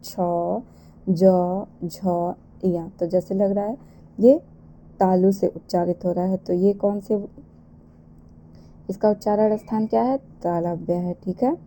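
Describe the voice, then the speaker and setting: A woman's voice: medium pitch, steady tone, warm tone. A woman teaching an exam-prep lesson, asking rhetorical questions and answering them herself. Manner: slow, repeats and asks rhetorical questions.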